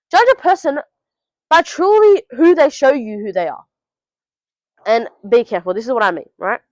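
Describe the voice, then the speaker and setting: Recorded roughly at home, this casual vlog features an Australian teen who speaks bluntly to camera and doesn't hold back on swearing. Her voice is a little high, and there's no echo.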